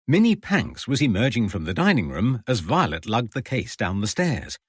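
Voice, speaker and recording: A man reading an audiobook in an expressive, measured storytelling manner. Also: medium pitch, slightly rough, dry recording, studio quality. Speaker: audiobook narrator. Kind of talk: scripted narration.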